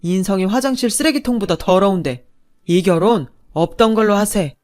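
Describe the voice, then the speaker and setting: A woman's voice: mid-range voice, normal speed, darkish tone, close to an everyday voice. A woman voicing a stern, wealthy older father-in-law who scolds in old-fashioned, authoritative speech, in a storytelling narration. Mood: contemptuous.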